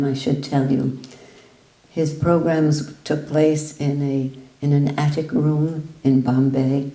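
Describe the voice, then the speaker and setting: A woman teaching a group, telling a story in an unhurried, conversational way with asides. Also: rumbling low, mellow, reverberant, low-quality recording. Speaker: spiritual teacher. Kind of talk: storytelling talk to an audience.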